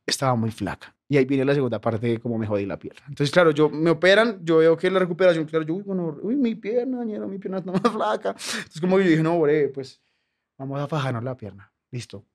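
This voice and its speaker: A man's voice: fairly high pitch, brisk. Young man, Colombian accent, casual podcast storytelling, swears a lot, laughs easily. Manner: slangy, profane, laughing storyteller. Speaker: comedian guest.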